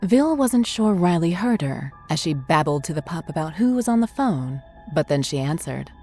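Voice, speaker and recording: A woman narrating a horror short story in a measured, descriptive way. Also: low voice, sing-song, dark tone, soft background music.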